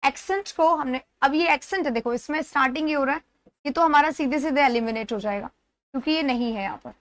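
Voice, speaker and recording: A woman with an Indian accent and a high voice talks fast as she teaches an English exam-prep lesson step by step. She repeats key words and checks that her students are following.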